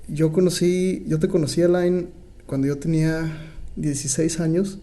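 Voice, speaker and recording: A man, co-hosting a podcast and telling stories in an animated way, laughing often. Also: a little high, moderate pace. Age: 20s. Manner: animated storyteller, laughs often, many fillers. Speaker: podcast co-host. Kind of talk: casual podcast conversation.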